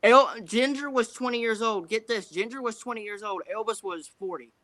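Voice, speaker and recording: A man's voice: high-pitched, normal speed, bright, forceful tone. A nineteen-year-old man, chatting casually and self-deprecatingly on a livestream, often repeating his phrases. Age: teens. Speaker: guest streamer.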